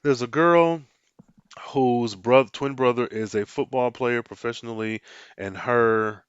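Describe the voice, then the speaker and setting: A man's voice: mid-range voice, unhurried, smooth, no echo, lo-fi sound. A man hosting his own podcast, chatting casually and animatedly, often restarting his sentences and acting out quotes. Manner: animated, frequent restarts, mock-dramatic quotes. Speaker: podcast host. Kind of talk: casual solo podcast talk.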